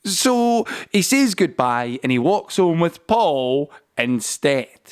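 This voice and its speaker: A man with a smooth voice on the high side, full of big pitch swings, tells a scripted audio play as its storyteller. He phrases deliberately and leans on dramatic pauses, with a musical score underneath.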